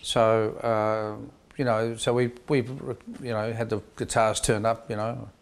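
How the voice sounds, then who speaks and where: An older man, a band member, telling a relaxed, rambling story in an interview with many pauses and fillers. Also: on the low side, smooth. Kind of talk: reminiscing interview.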